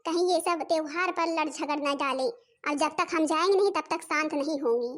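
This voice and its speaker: A woman's voice: high-pitched, normal speed, a bit bright. A woman voicing a fretting elder sister-in-law. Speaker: narrator figure addressing viewers. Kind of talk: Hindi cartoon voice acting.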